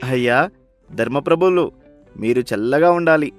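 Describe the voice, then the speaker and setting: A man's voice: medium pitch, expressive, normal speed, soft background music, close to an everyday voice. A man voicing a humble begging pauper. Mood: pleading. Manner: pleading, repeatedly begging for alms. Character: poor hungry male beggar, pleading and humble. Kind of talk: storybook voice acting.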